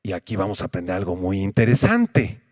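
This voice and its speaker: A man preaching a Bible-teaching sermon as pastor, asking rhetorical questions and answering them himself, and slowing down to repeat key words. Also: sits low, sing-song, a little mellow, no echo, studio quality. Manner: emphatic, repeats key words slowly for note-taking.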